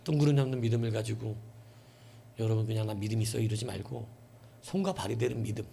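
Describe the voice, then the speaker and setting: A man pastor preaching a night-service sermon, emphatic, acting out imagined dialogue and swinging between loud outbursts and hushed asides. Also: fairly low pitch, fast, gravelly, a little hiss or hum. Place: church.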